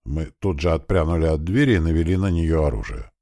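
A man's voice: a bass voice, a little fast, dark tone, no echo. A man narrating a first-person audiobook with a tense, vivid storytelling manner on a close studio mic.

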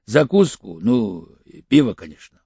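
A tough male ex-convict, read by a man speaks in short, blunt phrases with a gravelly, husky edge. The audiobook sound is dull and dry, with a lively rise and fall to the lines. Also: medium pitch, measured pace, no room sound, exaggerated voice. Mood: hard, curt. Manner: blunt, clipped, threatening. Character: tough hardened male ex-convict, curt and cool.

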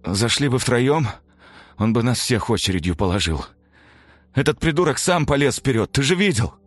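A man voicing a wounded male soldier commander with a creaky, grating voice, pleading and defensive. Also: medium pitch, very animated, moderate pace, no echo, pitched above the performer's own voice. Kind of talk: audiobook dialogue.

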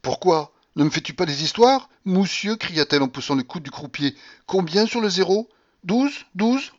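A man reading a novel aloud, voicing an imperious, feverish old grandmother at the roulette table in a shrill, commanding voice. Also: expressive, moderate pace, muffled recording.

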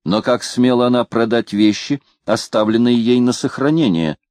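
A man's voice: mid-range voice, normal speed, a little mellow, no room sound, clean studio sound, pitched above the performer's own voice, natural voice. A man voicing a hot-tempered sea captain who barks threats. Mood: stern. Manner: barking threats.

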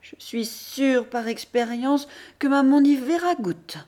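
A woman reading an audiobook, voicing a young boy who quietly reasons to himself. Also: high voice, takes it slowly, voice pushed up. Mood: scheming. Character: sly anxious young boy. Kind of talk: audiobook character voice.

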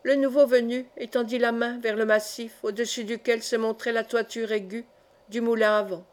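A woman's voice: fairly high pitch, steady tone, moderate pace. Woman reading a historical novel aloud. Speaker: audiobook reader. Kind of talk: scripted literary narration.

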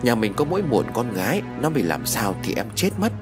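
A man's voice: medium pitch, wildly swooping pitch, a little fast, over music. A man voicing an anxious, touchy middle-aged mother whose voice rises when she worries. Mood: fretful.

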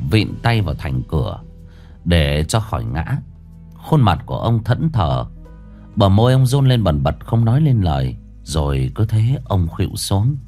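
Lively low-voiced male storyteller. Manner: grave, dramatic storytelling. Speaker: horror story narrator. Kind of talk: scripted horror narration. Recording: faint music behind.

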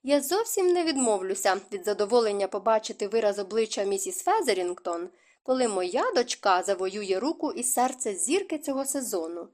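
A woman's voice: mid-range voice, sing-song, fairly quick, lightly acted. Woman voicing a doting scheming society mother. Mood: fond. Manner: fond, teasing and gently scolding. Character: warm, scheming society mother of grown children.

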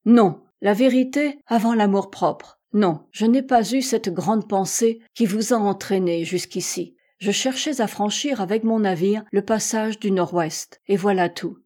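A woman's voice: mid-range voice, measured pace, few pauses, dark tone, close to an everyday voice. A woman reading an audiobook voices a proud American male explorer who makes frank, emphatic declarations. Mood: impassioned.

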